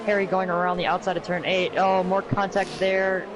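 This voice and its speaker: A man giving live sim racing commentary as co-commentator, with halting, hesitant phrasing. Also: sits high, flat delivery. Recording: clearly noisy background.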